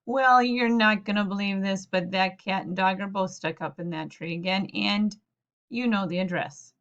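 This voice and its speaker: A woman's voice: mid-range voice, fairly even intonation, moderate pace, fairly bright tone, close to an everyday voice. A woman voicing a flustered middle-aged uncle in a storybook who keeps phoning for help, sheepish and hesitant, full of "uh"s, on a slightly dull lo-fi recording. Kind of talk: storybook read-aloud.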